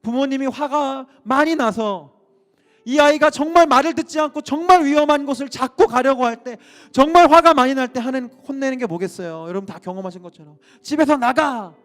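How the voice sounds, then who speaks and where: A man's voice: very high voice, a little fast, fairly bright tone. A male pastor preaching an impassioned sermon full of rhetorical questions.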